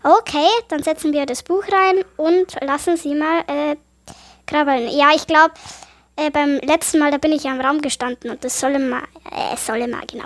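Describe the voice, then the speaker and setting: A woman commentating a horror game let's play, chatty and easily startled, her voice a little affected by being sick. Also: high-pitched. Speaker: gaming YouTuber.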